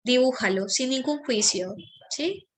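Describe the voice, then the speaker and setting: Calm woman mentor guiding an exercise. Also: high voice. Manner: calm, slows down on repeated phrases. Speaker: mentor leading a masterclass. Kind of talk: guided reflection exercise.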